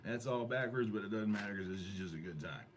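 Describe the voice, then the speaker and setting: A man's voice: lowish voice, fast. A man hosting an amateur radio club net in a casual, rambling, jokey way. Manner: jokey, with mock sponsor plugs. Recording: noisy ham radio room recording.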